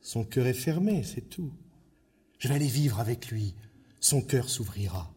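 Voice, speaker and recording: A man doing a soft, low village woman. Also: lively intonation, measured pace, slightly rough. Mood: pleading. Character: patient hopeful village woman.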